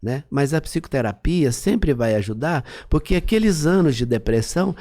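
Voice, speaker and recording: A man's voice: on the high side, expressive, normal speed, dark tone. A man, a psychologist guest on a podcast, explaining things in a teaching manner and often checking that he is understood.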